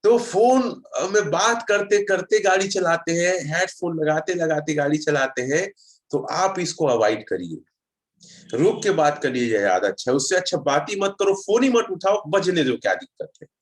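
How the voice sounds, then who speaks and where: Chatty guy giving a road safety talk online, slightly high voice, tells stories and reads the comments. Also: animated, moderate pace. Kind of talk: casual online session talk.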